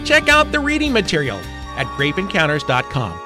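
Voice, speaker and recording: A man's voice: sits high, wildly swooping pitch, fairly quick, over music. A man hosting a wine show, reviewing books and interviewing a guest in an upbeat, joking, teasing way.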